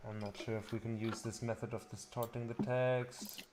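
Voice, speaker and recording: Male streamer, mid-pitch, musing hesitantly while he works. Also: background noise. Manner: thinking aloud, hesitant, soft-spoken. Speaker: game developer streaming live. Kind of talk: casual chat while working.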